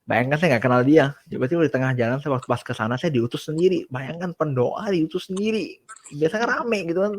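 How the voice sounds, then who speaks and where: A man casually telling a religious testimony as a guest, chatty and relaxed, acting out his own past dialogue. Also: on the high side, fast, no room sound.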